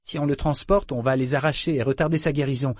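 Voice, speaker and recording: An anxious young woman , voiced by a male narrator, fills this audiobook scene with hesitant, apologetic speech. Her voice sits a little higher and slightly strained, fearful of failing. The reading is close and dry, with no room sound. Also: steady tone, quick pace, dry recording, close to an everyday voice. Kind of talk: audiobook character voice.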